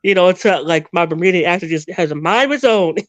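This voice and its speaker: An interview guest from New Jersey, whose American accent is half Northern and half Southern, tells rambling stories in a chatty, laughing way. His voice is medium-pitched, expressive, and quick, recorded dry with no room sound and a lo-fi quality.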